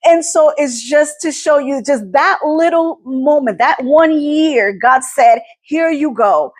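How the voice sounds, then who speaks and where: A woman's voice: high voice, slow pace. A woman in her forties sharing a personal faith testimony, emotional and close to tears, repeating words for emphasis. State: teary, near crying. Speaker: podcast host. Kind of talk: personal testimony, casual talk.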